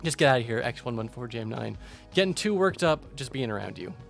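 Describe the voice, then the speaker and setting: A man's voice: mid-range voice, very animated, fast talker, creaky, faint music behind. A man voicing a bitter, self-pitying old man who scolds and calls names as he reads out game dialogue. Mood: bitter scolding. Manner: ranting, name-calling. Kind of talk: video game voice acting over gameplay.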